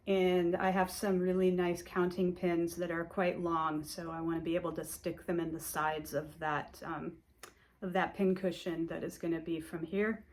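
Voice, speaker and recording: Showing her stitching work in a loose, wandering chat, a Hungarian-native woman vlogs about cross-stitch, often restarting and using fillers. Her voice is medium in pitch with a darkish tone.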